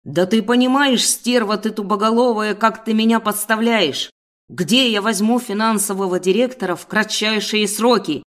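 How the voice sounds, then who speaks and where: A woman voicing a furious, bullying middle-aged male boss who shouts and hurls crude insults. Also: medium pitch, moderate pace, natural voice. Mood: raging. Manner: shouting, snarling, hurling insults.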